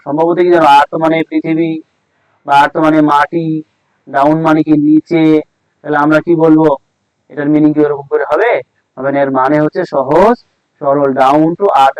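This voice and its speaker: A man's voice: a little high, darkish tone, no room sound, low-quality recording. A male teacher explaining an English text in a lesson, asking questions and answering them himself, repeating key words. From Bengal.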